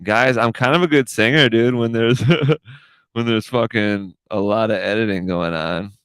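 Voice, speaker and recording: A man's voice: on the low side, measured pace, a bit bright, clear, resonant tone, no room sound. A man in his thirties hosting a casual solo podcast, rambling and swearing with "dude" in every line. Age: 30s. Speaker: podcast host.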